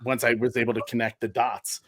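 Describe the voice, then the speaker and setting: A man's voice: medium pitch, flat delivery, fairly quick, dry recording, clean studio sound. A man in his thirties, a podcast guest, telling stories in a rambling, easygoing way with many fillers. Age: 30s. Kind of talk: casual chat.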